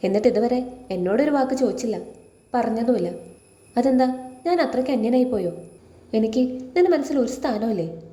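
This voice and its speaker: A woman's voice: fairly high pitch, animated, normal speed, long pauses, mellow, echoey room, lightly acted. A woman reading the lines of a young man in love, earnest and stubborn, in a serial recap. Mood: hurt, determined. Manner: defiant, sulking protests.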